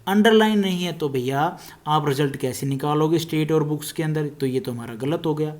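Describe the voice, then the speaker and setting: A man teaching an exam-prep reasoning lesson, explaining step by step and slowly repeating each statement, with terms. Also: on the high side, darkish tone.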